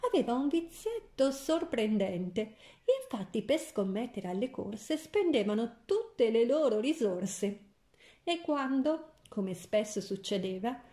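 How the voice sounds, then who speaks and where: A woman reads a rhymed fairy tale aloud with a playful, rhythmic lilt. Her pace is slow and unhurried, her tone mellow and dark. A roomy echo surrounds the voice. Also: a little high. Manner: rhythmic, playful verse reading. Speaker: storyteller.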